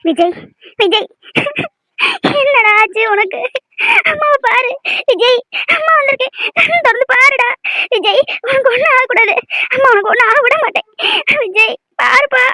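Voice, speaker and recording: A woman's voice: very high voice, fast talker, no room sound. A woman voicing a grief-stricken mother who cries and pleads at her injured son's bedside in a cartoon. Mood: sobbing. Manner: sobbing, pleading, then soothing. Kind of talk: cartoon voice acting.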